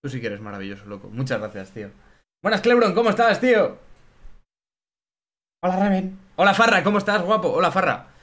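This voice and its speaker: A man giving chatty, excitable let's play commentary and greeting his chat. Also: sits high, a little fast, long pauses. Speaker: gaming streamer.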